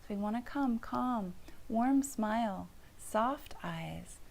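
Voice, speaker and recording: Middle-aged woman, family therapist, parenting lesson, gentle hushed delivery, gravelly texture. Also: fairly high pitch, lively intonation, takes it slowly. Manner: soft, often hushed and breathy delivery.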